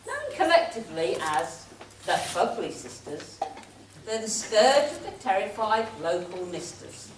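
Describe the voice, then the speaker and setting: A woman's voice: mid-range voice, huge pitch swings, a little slow. A woman playing a wry, grand pantomime storyteller, narrating in theatrical rhyming verse in an echoing hall. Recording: echoey hall, distant mic, faint noise.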